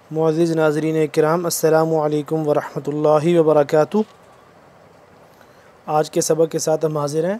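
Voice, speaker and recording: A man teaching Quran recitation in an online lesson, patiently explaining the rules letter by letter and chanting the verses slowly. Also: a little high, dark tone. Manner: slow drawn-out recitation between spelled-out letter drills; patient explaining, often checking back with the viewer.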